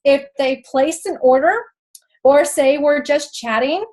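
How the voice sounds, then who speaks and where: A woman's voice: sits high, a little slow, a little mellow, poor audio. A woman in her thirties with a Texan accent, giving chatty tips as a direct-sales host with laughing asides. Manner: chatty, laughing asides, addresses viewers as y'all. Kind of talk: casual how-to talk.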